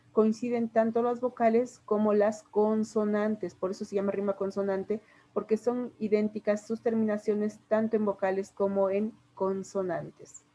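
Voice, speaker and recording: In this classroom lesson, a woman speaks in a mellow, mid-range voice, with the high frequencies cut off. She teaches literature with a Mexican Spanish accent, patiently explaining poetry step by step with examples.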